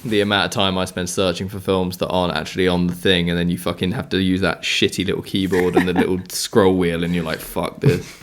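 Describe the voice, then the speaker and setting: Low-voiced, laid-back swearing male host. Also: little pitch movement, fast, few pauses, a little hiss or hum. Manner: laid-back, swears a lot, laughs often. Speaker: podcast host. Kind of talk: casual chat.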